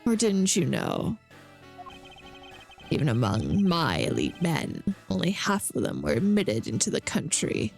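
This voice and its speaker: A woman voicing a cocky, dismissive male agent in a video game, with cool, condescending, drawn-out delivery. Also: low voice, huge pitch swings, creaky, darkish tone, faint music behind, voice pushed down, exaggerated voice. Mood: smug. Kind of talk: acted video game dialogue read-aloud.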